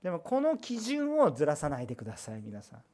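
Pastor mid-sermon: animated and emphatic, pitch rising and falling widely, loud bursts and rhetorical questions. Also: quick pace.

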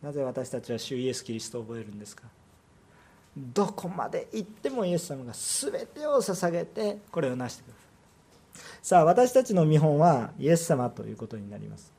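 Japanese pastor preaching with rising emphasis. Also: male voice, fairly high pitch, sing-song, brisk, gravelly, warm tone, breathy edge. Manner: earnest preaching with rhetorical questions, rising emphasis. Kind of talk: sermon.

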